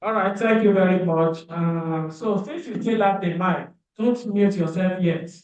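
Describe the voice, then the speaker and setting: A man moderates a panel, posing questions slowly with pauses. He sounds far from the mic in a very echoey space, and the audio is dull. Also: high voice, darkish tone.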